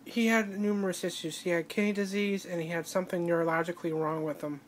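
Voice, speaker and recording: A tearful woman records a personal video diary in a flat, even voice that barely rises or falls. She speaks haltingly, trailing off and starting her sentences over as she cries. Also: on the low side, slight background noise. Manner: halting, with broken-off restarts. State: crying. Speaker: vlogger.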